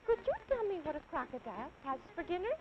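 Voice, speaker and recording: A woman's voice: very animated, fast. A woman voicing a curious young male elephant calf who talks eagerly and very politely, on a dull lo-fi 1950s TV kinescope recording. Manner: eager, extremely polite, squeaky.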